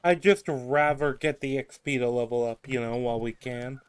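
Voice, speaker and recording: A man's voice: medium pitch, normal speed, clear, resonant tone. A young man casually chatting with a friend while playing a co-op game, agreeable and a bit hesitant. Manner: agreeable, short replies, hesitant. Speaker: gamer co-op player. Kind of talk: casual gameplay chat.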